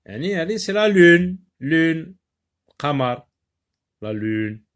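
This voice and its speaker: A man's voice: on the high side, big pitch swings, unhurried. A man with a Moroccan accent teaching a phonics lesson to children, sounding out words syllable by syllable and moving between French and Arabic. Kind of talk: phonics lesson for young learners.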